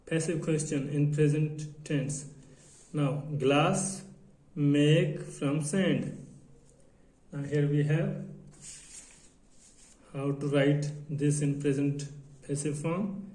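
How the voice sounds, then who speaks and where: A man teaching an English grammar lesson in a halting way, often repeating phrases and reading out example sentences. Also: on the high side, fairly even intonation, warm tone. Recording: echoey room.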